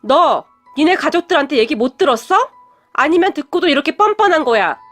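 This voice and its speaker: A woman's voice: sits high, very animated, a little fast, fairly bright tone, faint music behind. A woman voicing a haughty, wealthy middle-aged mother who sneers and scolds her son's girlfriend. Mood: sneering haughty.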